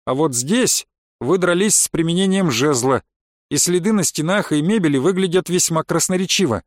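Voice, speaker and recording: A man voicing a composed male hotel manager who speaks in calm, measured tones in a storybook reading. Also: on the high side, dry recording, clean studio sound, natural voice.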